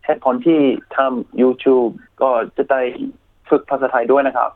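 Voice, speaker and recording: A man with an English-speaking foreigner's accent, answering interview questions politely in halting, broken learner's Thai with English words mixed in. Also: mid-range voice, level tone. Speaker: interview guest, YouTuber. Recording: thin narrowband phone or radio line.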